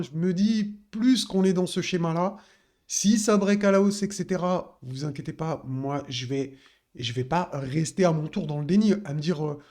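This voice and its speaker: A man's voice: high-pitched, dark tone. A man talking casually through a crypto chart analysis, addressing viewers directly with many fillers.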